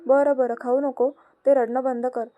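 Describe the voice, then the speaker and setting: A woman's voice: high-pitched, little pitch movement, normal speed, phone-quality sound, close to an everyday voice. A woman reading as a curt, stern young boss. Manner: commanding, curt.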